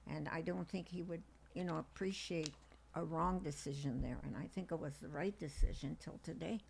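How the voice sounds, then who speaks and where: Very old woman with creaky voice. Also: low-pitched, normal speed, a little mellow, slight background noise. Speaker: interview guest, grandmother. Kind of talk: casual conversational interview.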